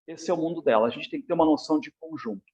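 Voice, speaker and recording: A man's voice: fairly high pitch, racing, mellow, highs cut off. A man with a Brazilian Portuguese accent teaching literature in an exam review lecture, addressing students directly and often checking that they follow.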